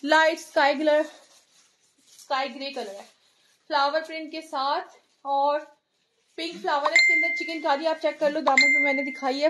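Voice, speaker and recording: Heavy background noise surrounds this high, bright-voiced woman from Lahore, Pakistan, who speaks with a Pakistani Urdu accent. Hosting a live online clothing sale, she greets viewers and rattles off sizes and prices in quick, chatty seller's talk.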